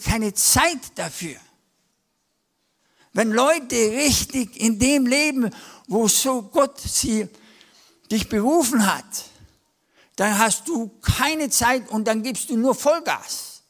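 A man with a high voice delivers a sermon at a church service. He talks plainly and conversationally and weaves in anecdotes. When he quotes people, he briefly acts out their voices. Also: a bit bright. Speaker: preacher.

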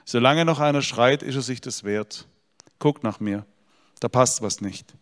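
A man's voice: mid-range voice, unhurried, fairly bright tone. A man giving a personal storytelling sermon, talking straight to his listeners with earnest, dry humor. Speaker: speaker giving an inspirational talk. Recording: long hall reverb.

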